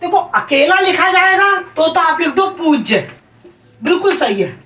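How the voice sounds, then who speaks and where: High-voiced woman teaching Hindi grammar. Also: sing-song, unhurried, bright, forceful tone, faint music behind. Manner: emphatic, repeats rules, checks with "clear?"; calls students "beta". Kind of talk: exam-prep lesson. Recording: roomy sound from a distance.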